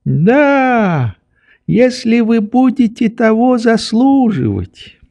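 A man voicing a methodical, prim old male doctor who speaks slowly and reprovingly in an audiobook. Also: very high voice, big pitch swings, vocal fry, dry recording, voice pushed up, exaggerated voice. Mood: mild reproach. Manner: slow, measured, gently reproving. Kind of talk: audiobook character reading.

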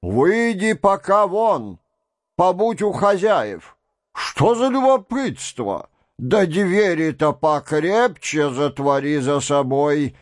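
A man reading an audiobook and voicing an imperious, domineering noblewoman who shouts commands and reproaches. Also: low-pitched, big pitch swings, slow pace, no echo, studio quality, exaggerated voice. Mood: furious. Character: imperious furious noblewoman, middle-aged, domineering.

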